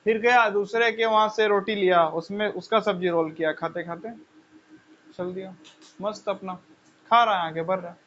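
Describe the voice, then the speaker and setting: Male teacher, high and bright, chatty lecture, muffled lo-fi recording. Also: steady tone, normal speed, slight background noise. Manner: conversational, rhetorical questions, repeats phrases. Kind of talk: lecture with personal stories. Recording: dull lo-fi sound.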